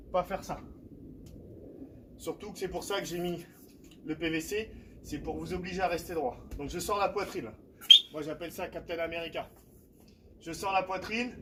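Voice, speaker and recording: High-voiced man coaching a home workout. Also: a little hiss or hum, low-quality recording. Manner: demonstrating exercises while explaining, with frequent "d'accord?" checks. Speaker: fitness coach. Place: outdoor terrace at home.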